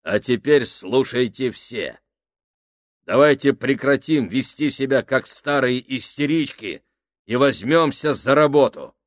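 A man voicing a tough, crude male foreman who barks orders and mocks roughly. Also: medium pitch, unhurried, no room sound, clean studio sound, voice pushed up, close to an everyday voice. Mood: commanding. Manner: rough, mocking, commanding.

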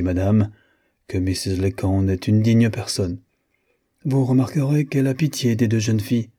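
A man voicing a vain, fussy wealthy gentleman who talks in a pompous, condescending way. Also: on the low side, husky.

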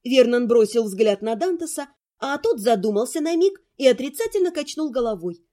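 High-voiced woman narrating a fantasy audiobook. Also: very animated, moderate pace, warm tone. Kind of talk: first-person audiobook narration.

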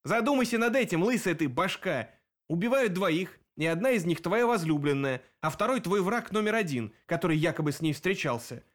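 A man's voice: sits high, expressive, fairly quick, voice pushed up. A man voicing a sly, grinning male demon detective in an audiobook, mocking and theatrical.

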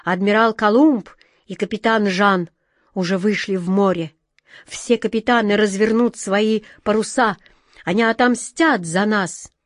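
A woman's voice: on the high side, a little slow, darkish tone, no room sound, studio quality. A woman voicing a brave, stern old male sea captain in a storybook reading, declaiming ardently.

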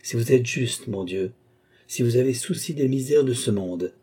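A man's voice: mid-range voice, lively intonation, moderate pace, mellow, breathy edge. A man voicing a desperate young woman who pleads and cries out in anguish, in an audiobook reading. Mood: desperate pleading. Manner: anguished, pleading, rising to outcries. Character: desperate young woman cursing her fate.

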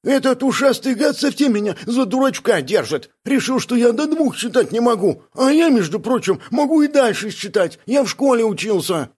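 Guy putting on a high shouty brawler dude, touchy and bragging, voice leaping all over. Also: very animated, moderate pace, hardly any pauses, husky, full character voice. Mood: boastful. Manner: shouty, boastful, hot-tempered. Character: brash loud male brawler buddy, touchy.

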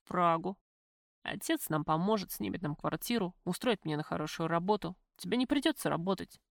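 A woman voicing a jealous young man, a lawyer, who pleads quietly and breaks into shouting, in an audiobook. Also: fairly low pitch, expressive, a little fast, gravelly, no echo, studio quality. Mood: coaxing.

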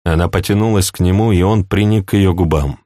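A man narrating an audiobook in a steady, even reading voice. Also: low-pitched, a little fast, no echo, studio quality. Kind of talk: scripted narration.

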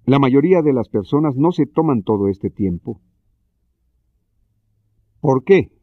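A man's voice: mid-range voice, expressive, no echo. Man reading a lesson, dull and dry. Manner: measured, explanatory reading. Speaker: narrator of a self-help lesson. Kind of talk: scripted narration.

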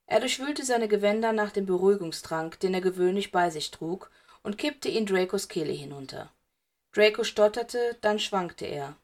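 A woman reading fan fiction aloud in steady, even storytelling narration. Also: medium pitch, moderate pace. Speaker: audiobook reader.

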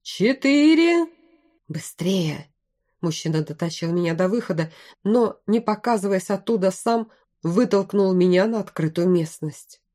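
A woman reading a fantasy novel aloud in first person, with steady storytelling. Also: fairly low pitch, normal speed. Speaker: audiobook narrator. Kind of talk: first-person audiobook narration.

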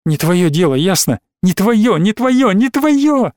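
A man's voice: a little high, normal speed, darkish tone, no room sound, studio quality, lightly acted. A man reading an audiobook, voicing a distraught teenage girl who wails and pleads. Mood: furious. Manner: wailing, pleading.

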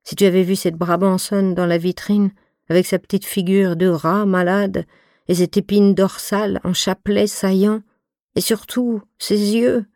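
A woman reading the part of a stern but motherly fifty-two-year-old friend, speaking in an even, soft, deep voice. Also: measured pace, dry recording, studio quality, natural voice. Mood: tendre. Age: 50s. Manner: voix égale et douce; ton de voix profond. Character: femme de cinquante-deux ans, amie sévère et maternelle. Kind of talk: scripted audiobook reading.

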